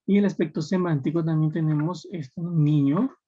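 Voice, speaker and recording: A man with a Peruvian Spanish accent lectures his students in a husky, mellow voice, explaining step by step. He keeps checking that they follow him, and the recording is dull and lo-fi. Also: fairly high pitch, normal speed. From Peru. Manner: explanatory, checking in with tag questions. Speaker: teacher. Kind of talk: classroom lecture.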